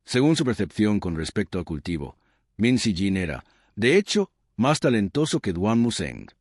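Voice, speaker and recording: A man narrates a scripted story recap with a low voice that rises and falls a lot. His delivery is measured and dramatic. The sound is dry and close to the mic. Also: very animated, no room sound.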